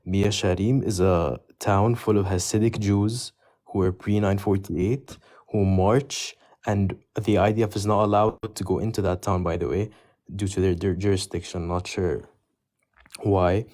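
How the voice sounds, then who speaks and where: A man from South Lebanon calling into a live stream, speaking in an earnest, measured way. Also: sits low, steady tone, mellow.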